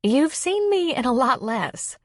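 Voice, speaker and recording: A woman voicing a playful young woman who speaks in a light, teasing, soft way. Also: high-pitched, very animated, a little slow, dry recording, studio quality, pitched above the performer's own voice, full character voice.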